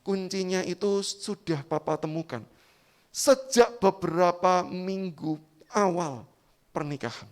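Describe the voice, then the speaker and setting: A man voicing an angry young husband who loves his cat, shouting reproaches at his wife. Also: sits high, slow. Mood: calm, fatherly.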